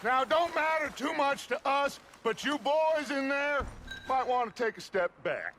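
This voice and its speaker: An actor playing a middle-aged outlaw gang leader who speaks in a persuasive, theatrical, deliberate way. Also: male voice, very high-pitched, lively intonation, full character voice. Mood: threatening. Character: smooth commanding male outlaw gang leader. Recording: game cutscene with loud wind and hooves.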